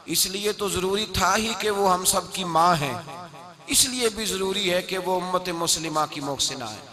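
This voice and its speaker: A man preaching a religious sermon with Arabic recitation, talking emphatically and climbing to raised oratorical peaks. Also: sits high.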